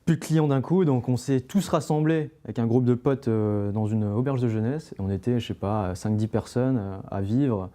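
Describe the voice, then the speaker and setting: A man's voice: medium pitch, normal speed, few pauses, mellow. A young man, a podcast guest, talking casually and rambling with many fillers and restarts. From France. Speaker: interview guest, climbing brand founder.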